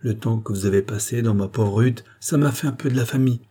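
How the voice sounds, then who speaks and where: A man's voice: medium pitch, a little fast, warm tone, husky, close to an everyday voice. A man voicing a kindly, fussing old male farm gamekeeper, talking in an eager, emphatic way.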